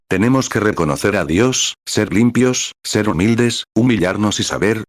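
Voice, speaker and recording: A man's voice: lowish voice, no echo, studio quality. A man reading a translated sermon aloud in an earnest preaching manner, with numbered paragraphs and prayers.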